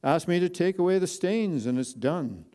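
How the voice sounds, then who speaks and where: A man voicing Jesus as a kindly, welcoming figure in a spoken story, talking slowly and gently. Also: sits high, animated, voice pushed up. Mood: gentle.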